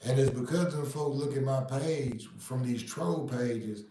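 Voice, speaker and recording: A man's voice: medium pitch, measured pace, warm tone, recorded from a distance, slight background noise. A man from Nashville with a Southern accent, talking casually in a podcast monologue, dropping "man" and "you know" through his sentences. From Nashville, Tennessee. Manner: laid-back, repeats "man" and "you know what I mean". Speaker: podcast host. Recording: very echoey room, off-mic.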